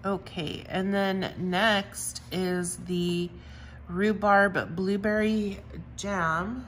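Slow, gushing woman crafter. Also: mid-range voice, steady tone, slight background noise, poor audio. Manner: gushing, enthusiastic, repeats "I love" and "so cute". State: has the hiccups. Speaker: crafting vlogger. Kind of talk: casual show-and-tell of stamps.

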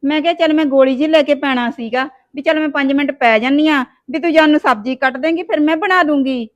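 A woman's voice: sits high, quick pace, highs cut off, close to an everyday voice. A woman, playing a scheming daughter-in-law who scolds and wheedles in a village family drama. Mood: wheedling. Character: sharp-tongued scheming young daughter-in-law.

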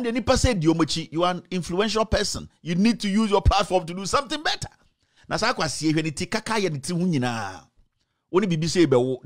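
A man in his thirties with a Ghanaian accent, ranting angrily on a political talk show, switching between English and Twi. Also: high-pitched. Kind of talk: heated political commentary. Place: small studio with screen backdrop. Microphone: studio mic on stand.

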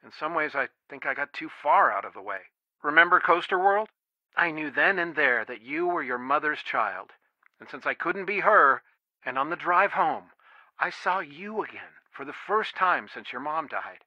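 Wistful and tender, a worried father in a video game pleads earnestly over the phone, heard only from his side through a telephone filter. The actor's high-leaning, bright voice is expressive and forceful at normal speed, with no echo, in naturalistic dialogue. The sound is dry and band-limited.

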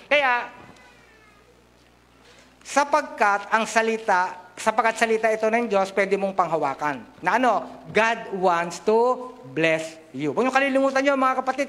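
A man's voice: high voice, fairly bright tone. A middle-aged man from the Philippines preaching a sermon into a handheld mic in a large church hall, mixing Tagalog and English and joking with the congregation. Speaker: pastor.

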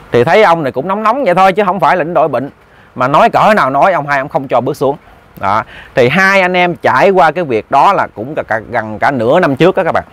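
The recording is dry, and the man's voice runs a little high. Chatting casually, he recounts a ghost story directly to his listeners, with words repeated here and there.

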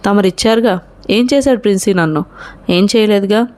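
A woman voicing a hot-headed young college man who talks in a gruff, threatening way. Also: medium pitch, fairly quick, a little mellow, lightly acted. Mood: angry.

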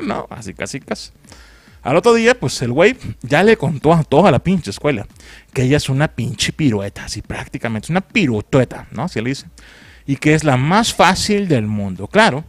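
A man's voice: mid-range voice, no room sound. A man with a Mexican accent giving a crude, mocking, slang-filled comedic film recap. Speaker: film critic.

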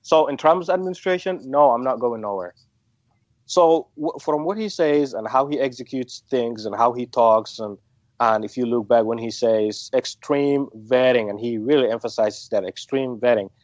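A man's voice: mid-range voice, moderate pace, darkish tone, dry recording. Somali man, hesitant, on a muffled line. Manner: hesitant, many restarts and fillers. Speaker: interviewee. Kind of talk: phone interview.

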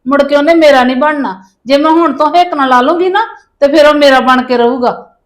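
A woman with a high-pitched voice plays a mother-in-law in a family drama. She pleads and apologises, full of self-pity, asking to be forgiven. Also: brisk. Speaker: mother-in-law wanting her grandson back. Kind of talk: scripted village family drama.

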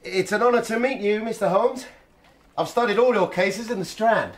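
A male actor plays an admiring young police constable in a radio drama. The man is keen and deferential, his voice fairly high over faint noise. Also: normal speed, natural voice. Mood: eager.

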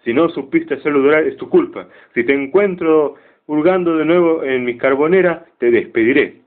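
Brief: a man playing a stingy old cartoon duck boss, higher than his own voice, threatening, lo-fi phone-like line. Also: moderate pace, natural voice. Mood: scolding. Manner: scolding, threatening. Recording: tinny phone-like sound.

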